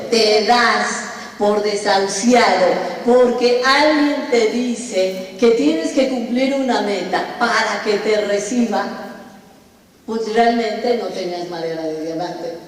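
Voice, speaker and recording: A woman tells a personal story on stage, animated and poking fun at herself. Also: medium pitch, takes it slowly. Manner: animated, self-mocking storytelling. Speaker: speaker at a business event. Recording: echoey hall, distant mic.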